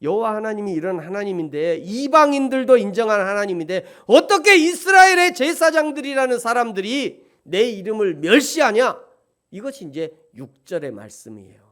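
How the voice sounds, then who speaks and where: A male pastor preaching a sermon in an animated way that builds to emphatic peaks. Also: high voice, moderate pace.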